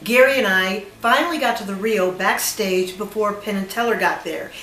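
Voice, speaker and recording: A woman's voice: medium pitch, normal speed, fairly bright tone, slight background noise. A woman filmmaker telling a personal story in a casual, chatty, anecdotal way, sounding a little incredulous at times. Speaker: independent filmmaker. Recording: roomy echo, voice from a distance.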